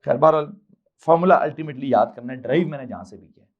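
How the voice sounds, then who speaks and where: A man's voice: medium pitch, dull audio. A male physics teacher with a Pakistani Urdu accent, lecturing a class and firing off questions he answers himself. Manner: quizzing, answers his own rapid questions.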